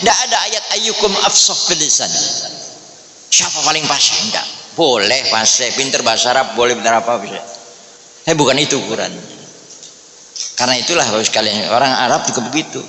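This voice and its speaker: A man's voice: mid-range voice, expressive, fairly quick, long pauses, sharp tone, a little hiss or hum. A man with an East Javanese accent giving a humorous religious talk to an audience, chatty and joking, often addressing listeners as "Pak". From Indonesia. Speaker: Islamic preacher. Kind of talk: humorous Islamic study talk. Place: large echoey hall at an office. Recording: echoey hall with faint ambience.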